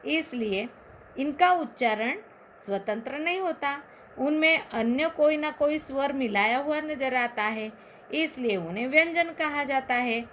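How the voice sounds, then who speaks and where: Slow, high-voiced teacher with a Marathi accent. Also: female voice, fairly bright tone, slight background noise. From Maharashtra, India. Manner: slow, carefully enunciated recitation with explanations. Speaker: school Hindi teacher. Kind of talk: recorded lesson.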